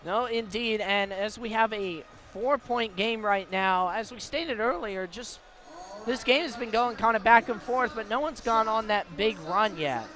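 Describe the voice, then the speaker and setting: A man calls sports play-by-play live on the radio from a broadcast position at the venue, his voice sitting high with a sharp edge and an unhurried pace. Clear venue ambience and soft music run underneath the live broadcast.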